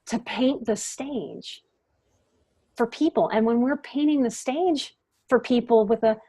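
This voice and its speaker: In a podcast interview, a middle-aged woman who is a psychotherapist and life coach speaks earnestly at a measured pace. Her voice is on the high side with a dark tone, and she puts strong emphasis on key words.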